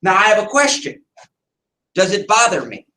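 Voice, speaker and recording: A man giving a motivational sales training talk, telling stories with lots of energy and often shouting. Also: high voice, sing-song, normal speed. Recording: echoey room, voice from far off.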